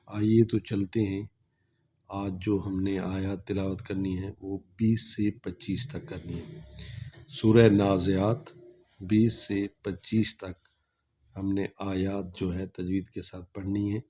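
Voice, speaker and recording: A man with a Pakistani Urdu accent teaching Quran recitation with tajweed, repeating each word slowly and patiently explaining how to pronounce it. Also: low voice, level tone, mellow, slight background noise.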